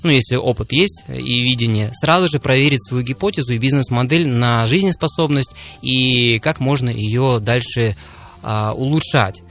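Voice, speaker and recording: A man's voice: medium pitch, normal speed, fairly bright tone, faint music behind. A man speaking as an expert guest in a radio studio interview, explaining things step by step to listeners. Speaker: studio guest, serial entrepreneur.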